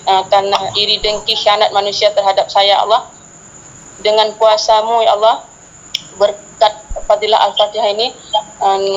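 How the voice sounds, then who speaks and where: A middle-aged woman from Aceh, earnestly telling a personal testimony to a religious teacher, with many fillers. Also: medium pitch. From Aceh, Indonesia. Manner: earnest, addresses the host as Ustaz constantly, many fillers. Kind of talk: earnest storytelling. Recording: dull lo-fi sound with faint noise.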